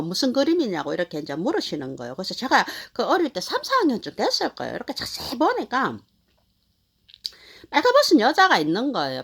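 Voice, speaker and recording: Animated middle-aged woman telling a story. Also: fairly high pitch, slightly rough. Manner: animated, rambling with many fillers. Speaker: channel host. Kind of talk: casual storytelling.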